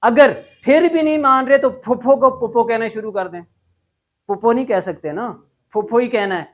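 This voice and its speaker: A man's voice: very high-pitched, brisk. Pakistani man teaching an English class. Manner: drills the class in loud call-and-response. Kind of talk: classroom lecture.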